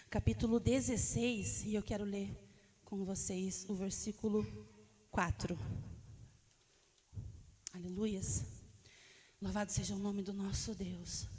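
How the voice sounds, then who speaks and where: A woman pastor preaching a sermon, animated, often calling out hallelujah and acting out pleading prayers. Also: mid-range voice, husky. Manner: acts out prayers in a raised pleading voice.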